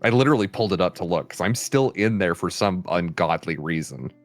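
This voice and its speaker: A man's voice: low voice, lively intonation, brisk, faint music behind. A man chatting casually on a livestream, sweary and playfully teasing. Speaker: guest VTuber on a livestream.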